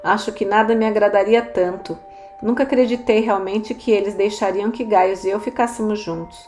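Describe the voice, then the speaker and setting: A woman reading the lines of a wistful, resigned young woman in an audiobook, speaking softly. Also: medium pitch, steady tone, moderate pace, close to an everyday voice. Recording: roomy echo, faint music.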